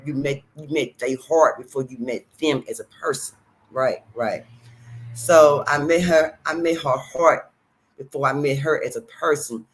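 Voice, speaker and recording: A woman's voice: deep voice, low-quality recording. A woman hosting her own channel, chatting casually to viewers in a rambling, repetitive way and calling them "y'all". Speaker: channel host. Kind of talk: casual livestream talk.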